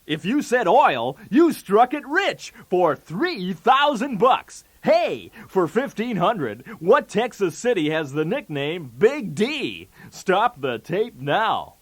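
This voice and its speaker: A man plays a brash, wisecracking 1980s TV game show host, firing off showy, jokey patter with punchy gags. His exaggerated voice is high and sing-song, slow yet with hardly any pauses.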